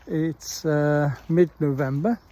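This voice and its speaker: A middle-aged Welsh-accented vlogger chats casually into a handheld phone while walking his dog in the countryside. His voice is warm and on the high side, and he rambles unhurriedly with frequent pauses.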